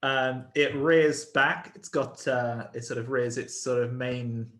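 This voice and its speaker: A man narrating a tabletop role-playing game as game master, slowly describing a creature with many pauses and fillers. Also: mid-range voice, steady tone, a bit bright, echoey room. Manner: hesitant, many fillers and "sort of".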